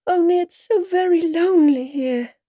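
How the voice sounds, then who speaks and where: A woman's voice: very high-pitched, moderate pace, warm tone, no room sound, clean studio sound, voice pushed up. A woman voicing Alice, a lonely, polite seven-year-old girl in a storybook. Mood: melancholy.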